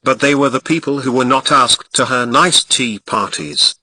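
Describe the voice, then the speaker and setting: A male narrator with a Ghanaian accent reads a nursery fairy tale from a storybook, lingering expressively on descriptive words. His mid-range voice is pushed and bright with a breathy edge, at a moderate pace.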